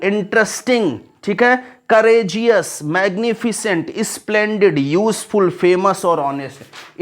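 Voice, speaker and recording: Male English tutor, high voice, slow and deliberate, spells out words and checks understanding. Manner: asks "confirm?" to check understanding. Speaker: English teacher. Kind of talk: classroom grammar lesson.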